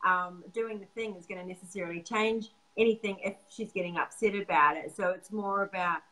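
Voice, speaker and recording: A woman's voice: medium pitch, steady tone, brisk, sharp tone, rough recording. A woman hosting a casual chat as a sex coach, laughing often and swearing casually.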